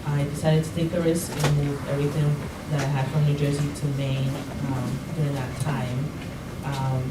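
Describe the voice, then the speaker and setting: Low-voiced young woman in an echoey hall. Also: level tone, normal speed. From Colombia. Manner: hesitant, many fillers. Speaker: program director on a panel. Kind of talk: conference panel talk. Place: large conference room. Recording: echoey hall, distant mic, loud background noise.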